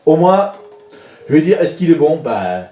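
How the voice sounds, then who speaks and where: A man talks through films from his collection in a loose, rambling way, often stopping and starting over. His voice is dark and mellow. The room gives it a noticeable echo. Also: on the high side, big pitch swings, unhurried. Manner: rambling, many fillers and restarts. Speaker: DVD collection vlogger. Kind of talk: casual spoken film reviews.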